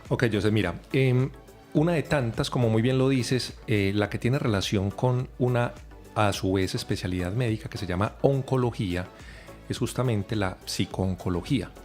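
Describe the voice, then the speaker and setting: A man's voice: on the low side, moderate pace, a little mellow, soft background music. A man, a psychologist and lecturer, explaining at length as a podcast guest, with frequent hesitations. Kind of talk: radio podcast interview.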